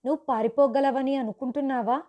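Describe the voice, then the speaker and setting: A woman reads the part of a cruel, cold man in a narrated story. He makes slow, quiet threats. The voice is mellow, sits fairly high, and barely changes from the reader's own. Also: fairly even intonation, lightly acted. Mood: menacing.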